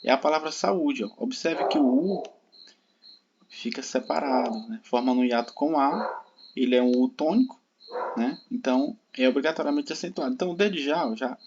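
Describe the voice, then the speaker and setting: A man's voice: medium pitch, normal speed. A Brazilian man teaching an online exam-prep grammar lesson in a patient, explaining way, often checking in with his students. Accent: Brazilian Portuguese. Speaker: Portuguese teacher. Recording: dull lo-fi sound with steady background noise.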